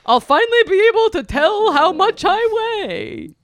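A woman's voice: very animated, measured pace, a bit bright, no echo, clean studio sound, exaggerated voice. A woman voicing a brash, boastful birthday bunny mascot with a boisterous voice who rambles through mock ad reads. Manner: rambling mock ad reads, wild pitch swings.

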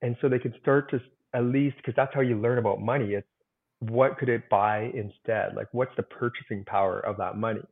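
A man's voice: medium pitch, steady tone, a little fast, gravelly, slightly rough. A man being interviewed as a guest author, explaining earnestly with simple examples and many "like"s. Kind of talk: conversational interview. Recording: tinny phone-like remote call audio.

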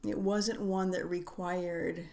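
A middle-aged woman, a writer who is a guest on a podcast, talking reflectively in an unhurried, musing way with frequent hesitations. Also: on the low side, flat delivery, gravelly, a little mellow. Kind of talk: reflective conversational interview.

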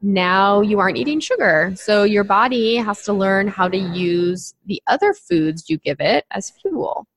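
A woman's voice: medium pitch, expressive, unhurried, few pauses, a little hiss or hum. Chatty woman podcast coach. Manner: chatty, frequent fillers like "like" and "you know"; encouraging, speaks directly to listeners. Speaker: podcast co-host and nutrition coach. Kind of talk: casual podcast chat.

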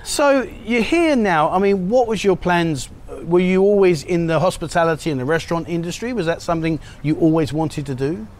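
Guy hosting a chat show outside, upbeat, teasing, bit high voice, faint traffic. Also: fairly quick, few pauses. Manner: upbeat, teasing, lively questions. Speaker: show host. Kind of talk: casual interview. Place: outdoors at a beachside cafe.

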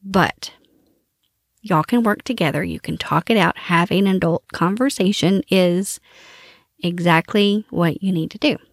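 A woman's voice: lowish voice, a little slow, dry recording, clean studio sound. A woman host talking casually and frankly, giving household advice and cussing freely. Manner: frank and animated, cusses casually. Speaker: podcast host.

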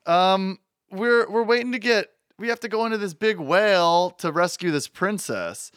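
A man co-hosting a podcast, chatting casually with quick joking asides. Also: high-pitched, animated, fairly bright tone, clear, resonant tone, no echo, clean studio sound. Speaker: podcast co-host.

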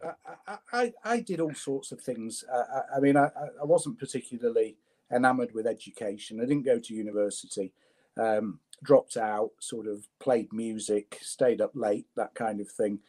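Interview guest, man, warm and dark tone, wry, halting storyteller. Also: mid-range voice. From Leeds, England. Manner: stammering repeats, wry and self-deprecating. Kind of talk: conversational storytelling.

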